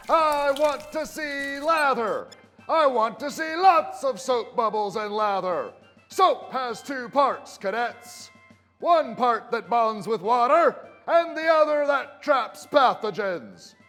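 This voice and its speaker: An actor playing a strict male army drill sergeant who shouts commands at recruits. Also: very high voice, heavily acted. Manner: shouted military commands, drawn-out emphatic delivery. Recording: long reverb with music underneath.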